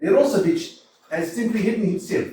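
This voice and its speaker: A male actor rants as an irate, blustering middle-aged landowner hounding a debtor in a theatrical staged reading on a small community theater stage, veering from mutters to exclamatory shouts. His natural voice sits high and moves fairly quickly. The sound is distant and echoey with a faint hiss.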